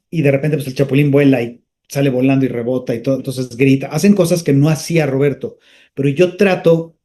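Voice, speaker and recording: A man, a comedian and voice actor, chatting as a guest in an interview and slipping into character voices as he tells stories. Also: medium pitch. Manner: animated storyteller who slips into character voices. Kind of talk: casual interview chat.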